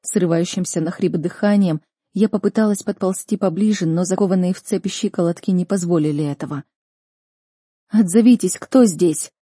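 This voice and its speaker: A woman's voice: fairly low pitch, steady tone, brisk, warm tone, husky, dry recording, clean studio sound. A woman reading a first-person audiobook with tense, emotional delivery. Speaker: audiobook narrator.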